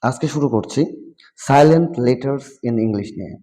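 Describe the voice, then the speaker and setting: A man teaching English vocabulary in a slow classroom style, repeating each word and its meaning and slipping into English phrases. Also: medium pitch, warm tone. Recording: long hall reverb.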